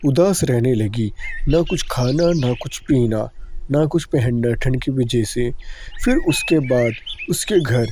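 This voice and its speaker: A man narrating a cartoon story for children in a plain, steady storytelling voice. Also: mid-range voice, slow pace, a little hiss or hum. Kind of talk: scripted narration.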